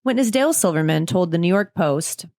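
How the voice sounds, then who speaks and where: A woman's voice: fairly low pitch, lively intonation, brisk, darkish tone, no room sound, clean studio sound. A woman podcast co-host telling a true-crime story in a casual way, mixing scripted reading with jokey asides.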